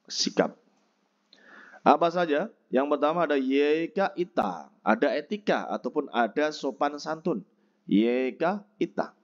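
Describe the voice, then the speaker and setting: A man teaching a Korean textbook lesson, explaining pronunciation and slowly repeating each word for practice. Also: mid-range voice, lo-fi sound.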